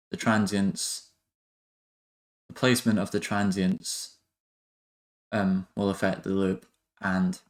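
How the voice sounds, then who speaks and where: A male music production tutorial host narrates casual software steps in a low register with very even delivery. He's informal and hesitant, working things out aloud.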